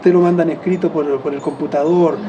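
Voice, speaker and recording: A man with a Chilean accent, explaining in a rambling, reflective way as an interviewee, often correcting himself mid-phrase and chuckling softly. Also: a little high, fairly even intonation, fairly quick, dull audio, noisy background.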